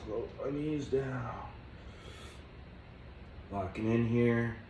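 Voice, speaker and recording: A man's voice: medium pitch, drawn-out words. Guy talking thru a yoga flow, chill and chatty, roomy echo, faint hum behind. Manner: relaxed, chatty cues with asides. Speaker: yoga instructor. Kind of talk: guiding a yoga flow while doing it. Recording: echoey room, mic at a distance.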